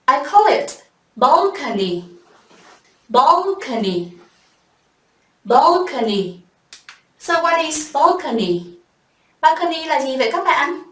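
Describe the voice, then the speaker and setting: High-voiced woman teaching vocabulary slowly. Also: recorded from a distance. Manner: slow drawn-out repetition of words for pupils to copy. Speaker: English teacher. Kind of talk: bilingual classroom vocabulary lesson. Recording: echoey room, voice from afar.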